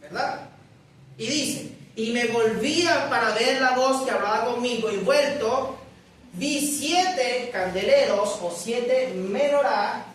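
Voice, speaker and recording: A woman preacher giving a sermon, reading scripture slowly and emphatically and asking the congregation questions. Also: a little high, recorded from a distance, slight background noise. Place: church hall. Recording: very echoey room, voice away from mic.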